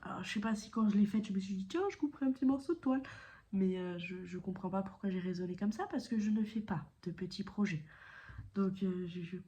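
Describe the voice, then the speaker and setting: A woman's mellow, medium-pitched voice comes fast over a little hiss or hum. She is a cross-stitch video creator chatting casually about her projects, rambling with many fillers and self-corrections and occasionally dropping to a whisper.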